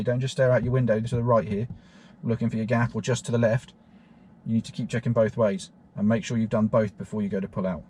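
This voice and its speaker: A man explaining driving technique as an instructor from inside a car, in a steady, repetitive teaching manner with frequent fillers. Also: mid-range voice, a little hiss or hum.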